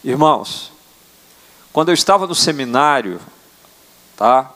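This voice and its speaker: An older man from Brazil preaching a sermon as apostle, earnest, often adding quick tag questions. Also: mid-range voice, expressive, bright, forceful tone. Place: church sanctuary. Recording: church hall reverb.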